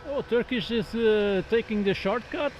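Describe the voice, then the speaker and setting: Man, high-pitched voice, casual live plane-spotting commentary, noisy outdoor background with vehicles and radio. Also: moderate pace, lo-fi sound. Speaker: livestream host.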